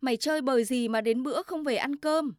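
A woman voicing a harsh, quick-tempered village mother who shouts and scolds her child, in a storybook reading. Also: a little high, animated, no echo, studio quality, lightly acted. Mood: angry scolding.

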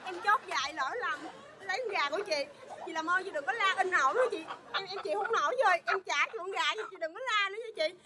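A woman's voice: very high-pitched, fast. A woman voicing a remorseful young woman who begs to be let off. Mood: begging. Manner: begging, apologetic. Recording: loud crowd and noise behind.

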